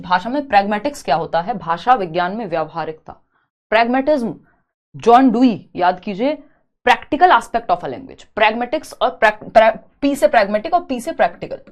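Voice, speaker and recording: In a live online class, a woman with a mid-range voice teaches an exam-prep lesson step by step. She mixes in English terms and reads viewer comments aloud.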